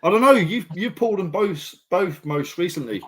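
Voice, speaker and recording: A man co-hosting a casual podcast, briskly reading out fixtures and giving his picks. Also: high-pitched, lively intonation, a bit bright, a little hiss or hum. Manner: brisk, reads out fixtures with "right, number ...". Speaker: podcast co-host reading out match list. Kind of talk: casual chat making match predictions.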